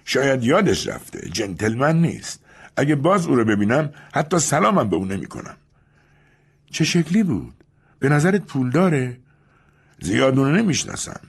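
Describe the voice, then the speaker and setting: A man's voice: medium pitch, huge pitch swings, creaky, breathy edge, pitched above the performer's own voice, exaggerated voice. A man voicing a cunning young woman in an audiobook, defiant and pleading by turns. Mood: haughty. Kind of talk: audiobook character reading.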